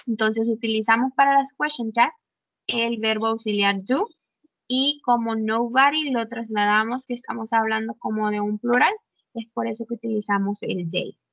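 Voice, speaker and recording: A woman's voice: a little high, fairly even intonation, moderate pace, no room sound. A woman teaching an English grammar class online, explaining in Spanish with English examples and checking in often. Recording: dull, muffled online audio.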